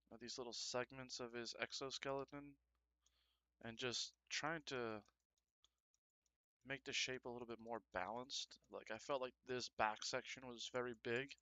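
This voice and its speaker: A man's voice: medium pitch, bright, forceful tone, no echo. A man live-streaming as he sculpts, chatting casually and trading crude jokes with his viewers while he works. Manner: joking, crude banter with chat; talks while working.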